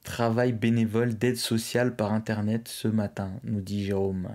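Young man hosting a casual livestream, mellow voice. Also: on the low side, flat delivery, normal speed. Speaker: livestream host. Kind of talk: casual live stream chat, reading out viewer messages. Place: indoors, at a streaming desk.

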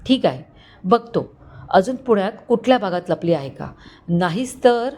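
A woman's voice: medium pitch, expressive, normal speed, mellow, lightly acted. A woman voicing an angry, scheming young man who is a villain in a spoken family story. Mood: grudging. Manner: heated, defiant.

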